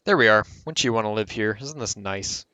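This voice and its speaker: A man's voice: lowish voice, brisk, sharp tone, no echo. A man hosting a casual gameplay tutorial who rambles and corrects himself mid-sentence as he explains. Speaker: game tutorial host.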